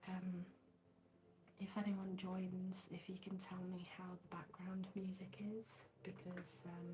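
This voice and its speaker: A woman hosts a soft-spoken ASMR livestream while stuffed up with a cold. Her voice sits low and stays very even, with little rise or fall. She talks gently and apologetically, with plenty of fillers, into a smartphone in her living room. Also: slow, rough recording. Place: living room, at a folded dining table.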